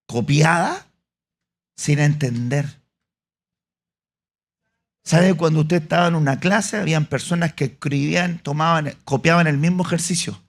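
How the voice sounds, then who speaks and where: Gravelly Chilean pastor preaching. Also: male voice, fairly high pitch. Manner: animated, acts out scenes with voices. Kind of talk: sermon. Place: church, live congregation.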